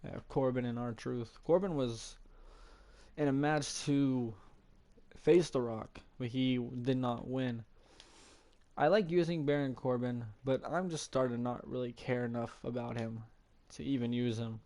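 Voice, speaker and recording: A man giving relaxed play-by-play commentary on a wrestling video game he is playing, with fillers. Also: mid-range voice, a little slow, dry recording. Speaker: gaming video creator. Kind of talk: casual let's-play commentary.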